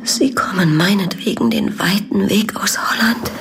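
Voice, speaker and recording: A gravely ill young lady in a radio drama. She barely whispers, slow and faint, each phrase costing her strength. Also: mid-range voice. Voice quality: weak whispering. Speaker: Lucy. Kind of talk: radio play acting.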